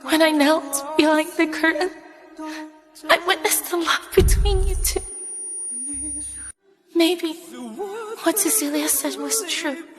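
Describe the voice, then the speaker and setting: A woman voicing a heartbroken young wife who speaks softly in a dubbed drama voice-over. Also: very high voice, steady tone, takes it slowly, pauses often, over music. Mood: grieving. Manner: soft, sorrowful.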